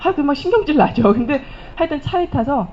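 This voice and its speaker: A woman's voice: high-pitched, lively intonation, brisk. A middle-aged woman giving a motivational stage testimony, telling stories animatedly and acting out the remarks she quotes. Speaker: speaker at a business recognition event. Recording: dull lo-fi event recording.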